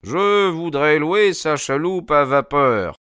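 A man voicing a sharp, shrewd gentleman detective in an audiobook, talking brisk and crisp. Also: on the high side, lively intonation, no room sound, studio quality, voice pushed up. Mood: coaxing. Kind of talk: audiobook character voice.

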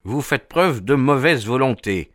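Nervous fussy gentleman, read by a man, anxious and hurried, audiobook, dry sound. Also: medium pitch, animated, dry recording, voice pushed up. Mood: indignant.

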